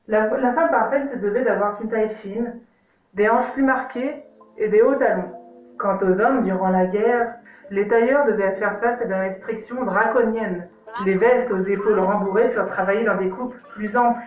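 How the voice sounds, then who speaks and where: A woman's voice: medium pitch, moderate pace, phone-quality sound. A woman narrating a fashion history vlog in a chatty, informal way and correcting her own slips as she goes. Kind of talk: voice-over narration. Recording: echoey room, mic at a distance, music underneath.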